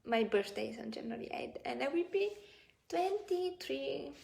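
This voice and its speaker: A woman's voice: high voice, expressive, moderate pace, creaky, a little mellow. A woman in her twenties hosting a live Buddhist talk stream. She reads viewer comments aloud and answers them in a hesitant, friendly way with many fillers and restarts. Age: 20s. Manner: friendly, thanks viewers often. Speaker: Buddhist Dhamma speaker and live-stream host.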